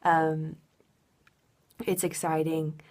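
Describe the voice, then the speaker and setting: A woman's voice: low-pitched, level tone, very slow, darkish tone. A woman dance teacher giving a heartfelt, casual personal update, earnest and full of ums.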